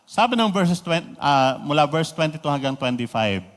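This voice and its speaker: High-pitched guy preaching, lots of rhetorical questions, big echoey reverb. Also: normal speed. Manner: animated, rhetorical questions, mixes in English. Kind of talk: radio sermon.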